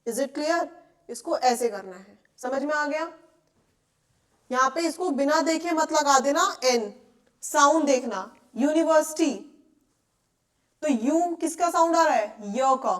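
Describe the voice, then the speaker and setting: A young woman with an Indian accent gives a classroom grammar lesson in a high, clear voice. She explains patiently and keeps asking the class whether it is clear. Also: unhurried. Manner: explains patiently, asks checking questions often. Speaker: English teacher. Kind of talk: classroom lecture.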